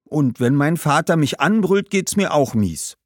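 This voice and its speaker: A man reading aloud, voicing a lively, outspoken young girl who speaks in an eager, exclamatory way. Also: fairly high pitch, unhurried, no echo, clean studio sound, pitched above the performer's own voice.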